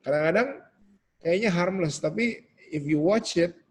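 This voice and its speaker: A man giving a casual webinar talk over a video call, animated and acting out quoted voices. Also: high-pitched, measured pace, husky. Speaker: webinar guest speaker.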